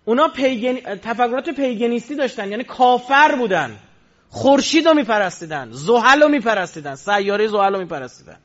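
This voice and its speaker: High-voiced man preaching, lo-fi. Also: very animated, a bit bright. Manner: asks rhetorical questions and answers them. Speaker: religious lecturer. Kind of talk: storytelling sermon. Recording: dull lo-fi recording.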